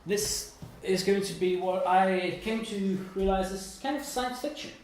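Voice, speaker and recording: This is a high-pitched, slightly mellow male voice at a measured pace, belonging to a German-Italian student in his 20s. He gives an informal live presentation at a small indoor meetup, hesitating, rambling and putting himself down. A distant room microphone leaves the sound echoey, with background noise.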